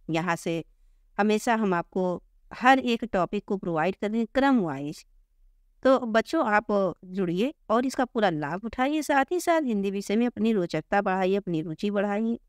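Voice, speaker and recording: Smooth-voiced woman teaching Hindi grammar. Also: medium pitch, no room sound, studio quality. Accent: Hindi, north Indian. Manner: addresses students as children, repeats words for emphasis. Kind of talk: grammar lesson for school students.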